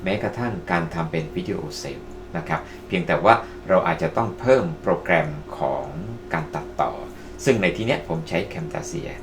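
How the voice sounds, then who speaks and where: With music in the background, a man hosts a video-making tutorial in a low voice with lively intonation at normal speed. He speaks casually and politely to his online viewers, treating them as friends.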